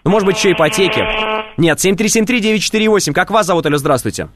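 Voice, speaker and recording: A man's voice: high-pitched, rapid-fire, over loud music. A man hosting a live radio phone-in, presenting conversationally on a close studio microphone.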